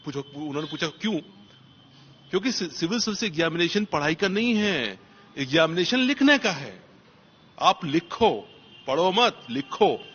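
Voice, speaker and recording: A man's voice: on the high side, fairly bright tone, slightly rough, lo-fi sound. Emphatic man giving motivational advice. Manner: emphatic, repeats key phrases for stress. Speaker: police officer. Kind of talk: motivational interview answers.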